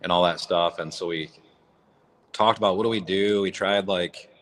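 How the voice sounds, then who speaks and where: Low-voiced man echoing in a barn. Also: steady tone, normal speed, fairly bright tone, slight background noise. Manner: raw, blunt, rambling. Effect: echoey barn sound. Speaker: livestream host. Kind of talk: casual livestream chat. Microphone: phone or app mic.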